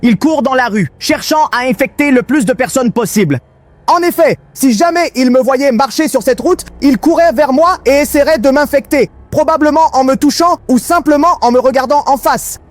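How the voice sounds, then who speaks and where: A man narrating his gameplay in an excited, panicky way, constantly calling out to his viewers. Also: very high-pitched, moderate pace, no echo. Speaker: gaming video host.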